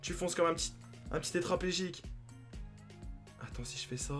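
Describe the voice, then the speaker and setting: A young man commentating his own game as a gaming youtuber, thinking aloud and breaking into excited outbursts. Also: high voice, a little fast, soft background music. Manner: excitable, talks to himself, sudden outbursts.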